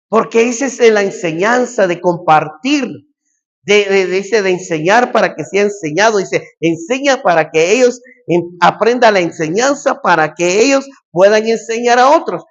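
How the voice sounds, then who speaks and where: Male pastor, high voice, emphatic repetitive preaching, muffled lo-fi sound. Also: measured pace. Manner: emphatic preaching, repeats phrases, shouts calls. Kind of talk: sermon.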